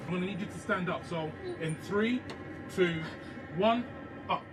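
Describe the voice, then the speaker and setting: A brisk male paramedic , played by a man, fires off quick practical questions in a music video drama scene. He sounds set back from the mic in a roomy space. Clear ambient noise fills the background. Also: high voice, lightly acted. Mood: brisk, professional. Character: male paramedic attending a collapsed woman. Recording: roomy, distant, noisy ambience.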